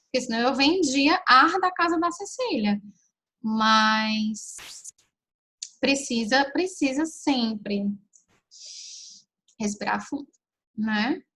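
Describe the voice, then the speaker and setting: A woman with a somewhat high voice hosts a relaxed live chat. She answers viewers' questions and gives parenting advice, speaking right to her audience in a chatty, practical way. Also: slow pace, long pauses. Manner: chatty and advice-giving, often addresses listeners directly. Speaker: parenting live-stream host.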